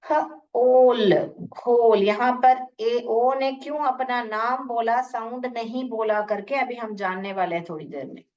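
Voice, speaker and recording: A woman with an Indian accent teaching English phonics in an online class, repeating sounds slowly and asking questions. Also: a little high. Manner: slow, repeats sounds and words, asks questions. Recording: muffled, distant from the mic.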